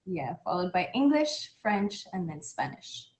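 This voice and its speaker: A Canadian woman whose first language is Portuguese is a guest in a casual interview, chatting in an easygoing, modest way. Her voice is on the low side, sing-song and a little mellow, and she talks a little slowly.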